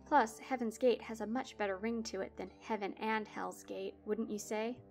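Tired balding desk guy in his fifties at the pearly gates, woman doing him, bored and curt, gravelly. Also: medium pitch, steady tone, normal speed, a little mellow, faint music behind, close to an everyday voice. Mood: brusque. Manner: bored, brusque. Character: balding fifties male gatekeeper, bored and weary.

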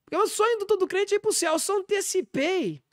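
A brash, shameless apostle holds forth, as a man puts him on in a Brazilian Portuguese accent, deadpan and rambling with churchy asides. The talk races along at a fast clip. It is recorded close on a podcast mic in a dry, dead room. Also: very high voice, no echo. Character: brash, shameless male pastor calling himself apostle. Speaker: comedian in character as a self-styled apostle. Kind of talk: deadpan comic character monologue on a podcast.

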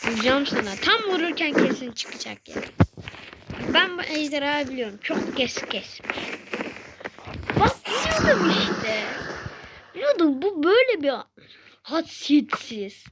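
A woman giving casual gameplay commentary, excitable and taunting, calling out to in-game enemies in slangy trash talk. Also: high voice, moderate pace, very noisy. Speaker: gaming channel host.

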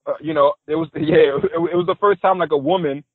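Husky guy from new york, chatty podcast guest, dry close sound. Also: on the high side, brisk, dry recording, narrow, tinny audio. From New York City. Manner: animated, acts out quotes of others. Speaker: podcast guest, style coach. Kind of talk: casual interview storytelling.

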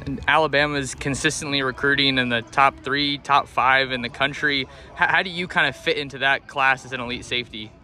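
A man's voice: medium pitch, steady tone, brisk, sharp tone. A man working as a sports reporter, asking interview questions outdoors at a football field.

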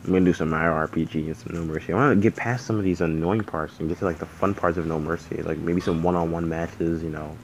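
Sleepy deep-voiced man cursing through gameplay. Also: steady tone, quick pace, few pauses, slight background noise, rough recording. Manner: rambling, swears a lot. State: sleepy, yawning. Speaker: gaming channel host. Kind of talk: casual gameplay commentary.

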